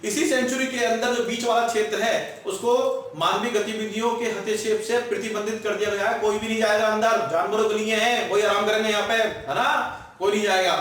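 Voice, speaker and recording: High-voiced Hindi teacher in an echoey room. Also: male voice, a bit bright. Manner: asks students questions and answers them himself. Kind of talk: exam-prep lecture. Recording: echoey room, far from mic.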